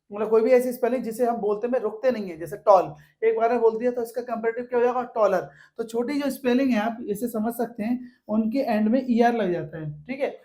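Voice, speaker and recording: A man's voice: very high-pitched, mellow. A man teaching a grammar lesson to students in a patient, step-by-step way. He often asks a question and then answers it himself, and speaks. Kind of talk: classroom lesson.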